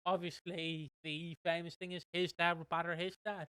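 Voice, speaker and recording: A man's voice: on the high side, level tone, normal speed, pushed and bright, smooth, dry recording. A man hosting a casual podcast, rambling along with lots of fillers and restarts. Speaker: podcast host.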